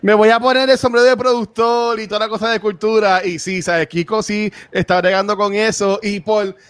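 A Puerto Rican man co-hosting a gaming show in casual, excitable chat, often repeating his words and phrases. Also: high-pitched, normal speed, clear, resonant tone, no room sound. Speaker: co-host and producer of a gaming show.

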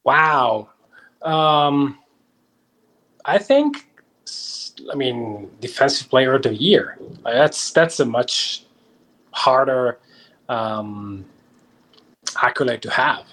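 A man co-hosting a casual sports podcast, heard over a remote connection that keeps cutting out and clipping his words into halting fragments. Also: mid-range voice, animated, a bit bright. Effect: choppy remote connection, cutting out mid-word. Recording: distant remote call audio.

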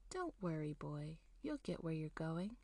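Woman voicing a low, menacing monster stranger. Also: sing-song, a little slow, mellow, dry recording, full character voice. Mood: coaxing. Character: towering male horse-demon stranger, menacing, impatient, coaxing.

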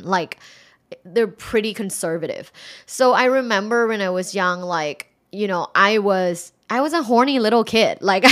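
Frank woman, candid and giggly. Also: medium pitch. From Thailand. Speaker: sex educator and college instructor. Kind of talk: casual interview chat.

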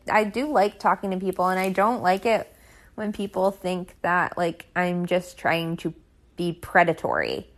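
A young woman telling her own story in a casual, chatty way, filling it with "like" and frustrated asides. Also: medium pitch.

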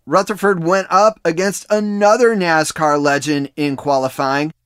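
A man hosting a podcast, reading a measured scripted narration between interview clips. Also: on the high side, steady tone, smooth, no room sound. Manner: measured, reads a prepared script. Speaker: podcast host.

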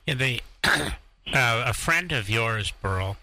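A man's voice: mid-range voice, animated, slow pace, pushed and bright, slight background noise, low-quality recording. A man co-hosting an interview who makes his point by paraphrasing what others have said. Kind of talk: conversational interview.

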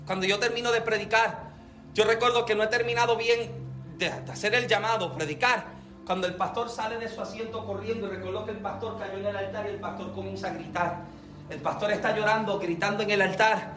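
Male preacher, very high pitch, animated storytelling sermon, echoey church hall. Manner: animated storytelling, often calls out to the congregation.

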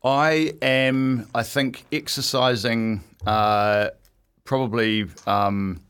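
A man's voice: mid-range voice, fairly even intonation, drawn-out words, fairly bright tone, clean tone. A middle-aged man chatting casually as an interview guest, in a stop-start, self-deprecating way. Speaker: guest, event ring announcer. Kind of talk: casual radio interview chat.

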